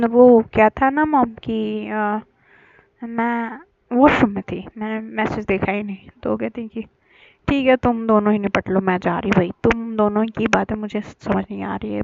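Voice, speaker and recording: A woman's voice: medium pitch, gravelly, a little mellow, highs cut off, slight background noise. A woman casually telling a serialized love story, chatty and hesitant with fillers, lightly voicing the characters' lines.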